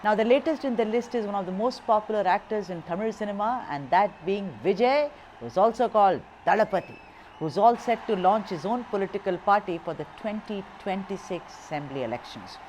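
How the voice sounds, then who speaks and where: A woman's voice: medium pitch, animated, a little fast, a little mellow, slight background noise. A woman news anchor, leading a live discussion in a conversational, emphatic way.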